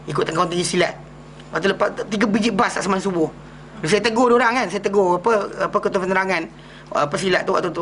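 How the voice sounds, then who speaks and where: Malaysian male religious teacher, fast and conversational, fires rhetorical questions at his class, faint hum in the room. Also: high voice, pushed and bright. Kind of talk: hadith class lecture.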